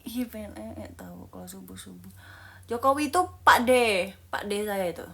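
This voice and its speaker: A woman from Lampung, Indonesia, hosting a livestream and chatting casually with viewers in a playful, teasing way, often dropping to a soft whisper. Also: medium pitch, moderate pace, gravelly. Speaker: livestream host. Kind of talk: casual livestream chat reading viewer comments.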